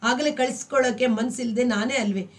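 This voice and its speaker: An aloof husband in a storybook reading, flat and unmoved, stating things like a lawyer closing a case, as a woman narrator puts him on. The reader's voice stays fairly high and sounds distant from the mic. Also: a little fast, close to an everyday voice. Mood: matter-of-fact. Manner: flat, matter-of-fact.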